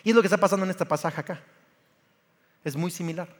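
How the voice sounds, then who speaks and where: High-voiced man preaching in a hall. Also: fast. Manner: passionate, acts out Bible scenes and family anecdotes, rising to shouts. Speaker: pastor. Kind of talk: sermon. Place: church hall.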